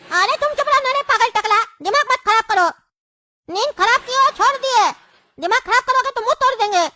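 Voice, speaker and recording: A woman's voice: very high voice, fairly quick, bright, forceful tone, no room sound, studio quality. A woman, playing a complaining younger brother in a comedy sketch. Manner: whiny, complaining.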